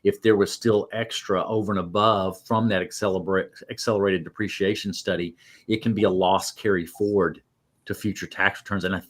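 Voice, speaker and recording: A man's voice: on the low side, fairly bright tone. A man talking as a guest, explaining things in a casual, conversational way.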